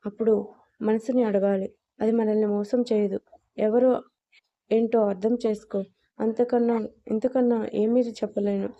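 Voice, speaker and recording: A woman voicing a worried, caring mother who asks anxious questions and gives soft advice in an audio story. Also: on the high side, little pitch movement, a little slow, vocal fry, pauses often, lo-fi sound. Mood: advising.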